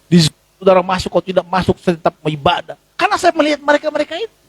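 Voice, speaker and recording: Racing through his sermon, an Indonesian-accented pastor addresses his church congregation conversationally and with animation. His voice swings from high exclamations down to low asides, and there is no room sound in the recording.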